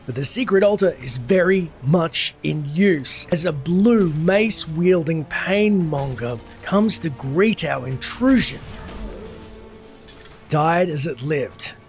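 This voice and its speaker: A narrator telling a video game's story in formal, scripted storytelling style. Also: mid-range voice. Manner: formal storytelling in first person plural.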